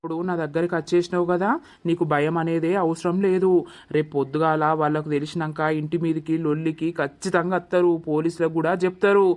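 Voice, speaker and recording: A woman voicing a devoted young husband in an animated drama, firm and comforting, with a Telangana Telugu accent. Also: sits low, fast, close to an everyday voice. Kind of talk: animated village drama voice acting.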